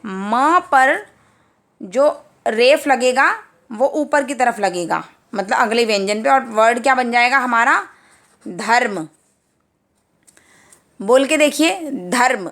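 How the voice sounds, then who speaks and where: Slow, patient woman teaching children. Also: sits high, sharp tone. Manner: patient, repeats words slowly for children. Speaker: Hindi teacher. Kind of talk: explaining grammar at a whiteboard.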